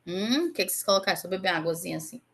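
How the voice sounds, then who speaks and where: A woman teaching Portuguese grammar online goes over exam answers, often checking in with her students and repeating example words slowly. Her medium-pitched voice is gravelly with lively intonation.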